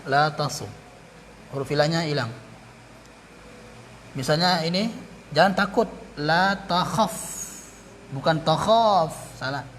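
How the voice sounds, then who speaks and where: A male teacher walks through grammar points at an unhurried, careful pace, repeating terms and pausing to correct himself. His voice sits a little high for a man. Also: a bit bright, a little hiss or hum. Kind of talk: classroom grammar lesson.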